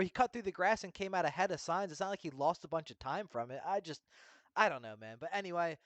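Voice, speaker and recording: A young man hosts a casual F1 recap, ranting heatedly and swearing constantly. His voice sits on the high side with a fairly bright tone, recorded with no echo.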